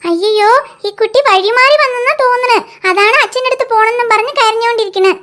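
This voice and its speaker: A kind, motherly cartoon aunty who soothes and fusses over a lost little one, as a woman voices her. Her tone is very high. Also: fast, a bit bright. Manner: soothing, fussing.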